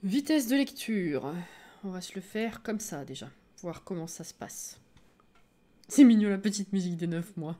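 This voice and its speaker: A woman streamer reacting live to a game trailer, excitable, laughing often and thinking aloud. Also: mid-range voice, moderate pace.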